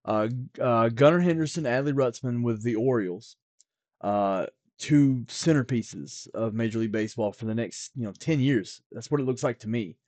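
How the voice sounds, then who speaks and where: Man, casual podcast chat, rambling, many restarts, mid-pitched, dry close sound. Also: normal speed, a little mellow, dry recording. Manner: rambling, with repeated restarts and fillers. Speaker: podcast co-host, card expert.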